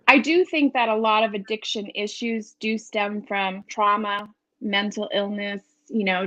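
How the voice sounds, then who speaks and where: A middle-aged woman from New England, with the accent to match, speaks frankly and emphatically as a guest in a candid conversational interview; she is an author in recovery. Her voice is medium-pitched and a bit bright. The recording has no echo but sounds muffled.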